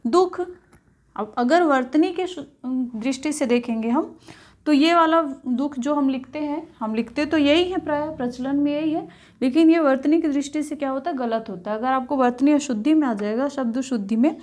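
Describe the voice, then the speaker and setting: A woman's voice: sits high, moderate pace, darkish tone. A woman teacher giving an exam-prep spelling lesson, explaining patiently, repeating each word and checking in with her students often.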